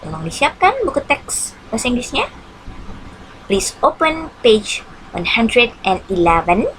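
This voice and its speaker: A woman teacher with an Indonesian accent talks slowly and patiently through an online English lesson, saying each phrase in English and then in Indonesian. She often pauses on a drawn-out hmm. Her pitch is mid-range for a woman, with a faint hiss behind her. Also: sing-song, a bit bright, rough recording. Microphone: computer mic on a screen-shared video lesson.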